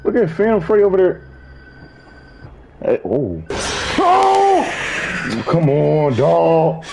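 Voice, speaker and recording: A young man streaming horror games with scared, excitable, slangy reactions and yelling at jumpscares. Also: a little high, takes it slowly, creaky, noisy background. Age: young adult. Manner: casual slangy speech. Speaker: gaming streamer. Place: small indoor gaming room.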